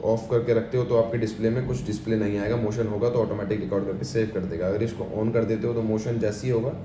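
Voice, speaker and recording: An Indian man gives an informal, step-by-step product demonstration, explaining things repetitively and mixing English terms into his speech. His voice is lowish and warm, with a level tone and a quick pace. The room is echoey, with clear background noise.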